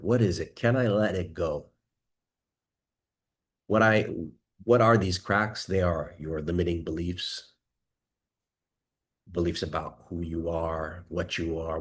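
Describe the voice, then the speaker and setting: A man coaching listeners, talking calmly and leading them through a slow guided breathing exercise with many questions. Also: deep voice. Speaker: dating and confidence coach.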